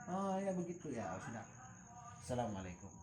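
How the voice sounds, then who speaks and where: A man's voice: a little high, very animated, brisk, roomy sound, background noise. Man alternating coaxing talk with prayer. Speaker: spiritual healer. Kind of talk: ritual session with prayers.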